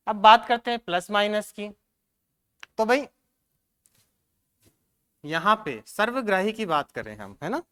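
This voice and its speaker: A male teacher, giving an exam-prep science lesson, asking questions and answering them himself, checking often whether it is clear. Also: high voice, animated, unhurried, pauses often, fairly bright tone.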